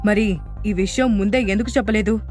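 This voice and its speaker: A woman voicing a male hotel security guard in an audio drama, speaking in a formal, brisk way. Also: mid-range voice, a little mellow, soft background music, natural voice.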